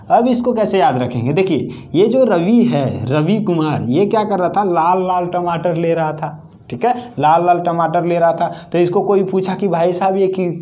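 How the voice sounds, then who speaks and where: A man with a high, mellow voice teaches an exam-prep lesson. He walks through each point step by step, asking a question and then answering it himself. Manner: explains step by step, asks and answers his own questions.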